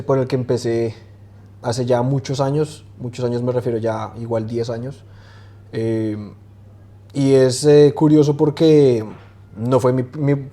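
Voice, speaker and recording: Guy, 20s, mellow tone, easygoing interview guest with lots of "em"s. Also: mid-range voice. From Colombia. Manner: relaxed, hesitant, many fillers and restarts. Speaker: guest swimmer. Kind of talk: casual interview chat.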